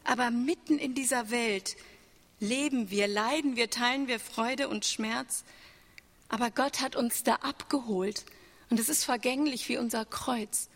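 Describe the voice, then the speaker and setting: A woman's voice: on the high side, a little slow, fairly bright tone. A woman preaching an Easter sermon, earnest, asking the congregation rhetorical questions. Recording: long church reverb.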